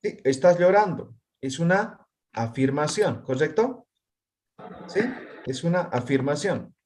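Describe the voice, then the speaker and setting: In an online class, a language teacher quizzes his students, frequently adding tag questions to make sure they're keeping up. He has a fairly high, expressive voice with a darkish tone and a slightly slow pace.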